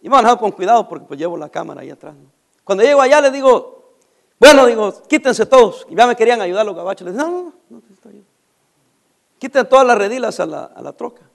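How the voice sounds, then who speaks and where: A middle-aged man with a Mexican Spanish accent spins a casual anecdote, his voice sitting unusually high for a man. His delivery swings widely up and down as he acts out each character's lines. He laughs along with his own story. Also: fast, gravelly. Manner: animated, acts out dialogue, laughs while telling.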